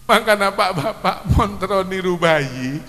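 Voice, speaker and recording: A man's voice: sits high, animated, unhurried, a bit bright, in a large hall. A middle-aged man with a Madurese accent, preaching a sermon at a religious celebration and pressing the crowd with questions. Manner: quizzes the crowd, urging them to answer. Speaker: Islamic preacher (kyai).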